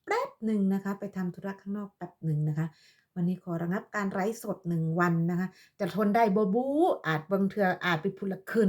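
A woman's voice: mid-range voice, a little mellow. A woman from Lopburi, talking casually on her vlog and scolding her critic in a sarcastic, mock-motherly way, with polite particles at the end of every phrase. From Thailand, Lopburi. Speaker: vlogger addressing her viewers. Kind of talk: casual live-stream monologue.

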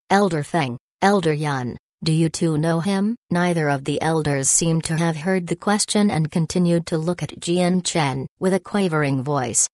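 Woman, audiobook narrator, low pitch, dry recording, steady even reading. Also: no room sound. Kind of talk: scripted narration.

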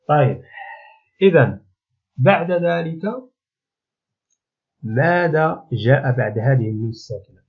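Husky guy teaching a lesson, slow patient step by step, sounds like over a phone. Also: medium pitch. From Morocco. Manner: patient, step-by-step explaining with frequent pauses and fillers. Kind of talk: recorded remote lesson. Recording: tinny phone-like audio.

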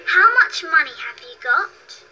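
Young girl, educational cartoon, cheerful, very bright, unhurried. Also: high-pitched, expressive, exaggerated voice, poor audio. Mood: curious. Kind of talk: scripted children's language-course dialogue.

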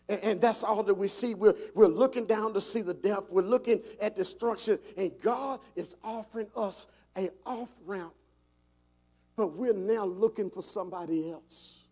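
High-voiced preaching pastor. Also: male voice. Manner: animated preaching with call-and-response questions; repeats words, rising to shouts. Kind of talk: sermon. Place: church sanctuary.

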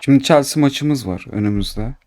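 A man commentating his own football video game match, swinging between calm narration and excited, complaining outbursts. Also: medium pitch, normal speed, very noisy. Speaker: gaming YouTuber.

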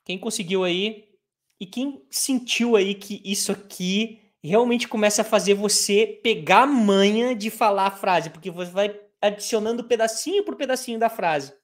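A Brazilian woman teaches English live online. She speaks Portuguese natively and has an ordinary mid-range voice. She breaks sentences into pieces and repeats each one slowly. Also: medium pitch.

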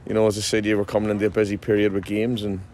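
Low-voiced man, pitchside interview. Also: completely flat delivery, rapid-fire, a little mellow, a little hiss or hum. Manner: chatty, frequent restarts and fillers. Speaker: football manager. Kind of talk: post-match interview. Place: outdoors at a football ground at night.

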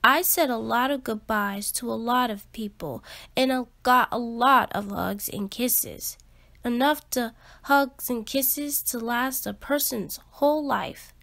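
A woman reads a children's picture book aloud in a fairly high, gravelly voice. She goes very slowly, with expressive storytelling and deliberately emphasized phrasing.

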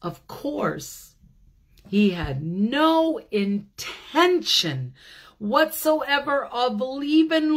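An older woman, a pastor hosting children's story time, reads a picture book animatedly in a high, gravelly voice. She is very unhurried and chatty, asking listeners questions and adding asides. The recording comes from a small room at home, using a phone or webcam at arm's length.

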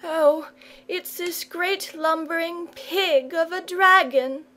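A woman's voice: very high-pitched, fairly even intonation, slow, sharp tone, voice pushed up, heavily acted. A woman voicing a tired, plaintive little boy with a piteous, tearful whine in a children's story. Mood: sobbing, indignant.

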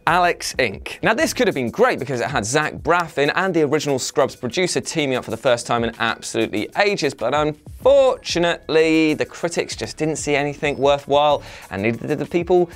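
A man in his thirties hosting a chatty, jokey scripted countdown in a wry manner, his diction slightly mush-mouthed from a mouth ulcer. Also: medium pitch. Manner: animated, wry, punning. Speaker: host of an online list show. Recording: music behind the voice. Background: background music.

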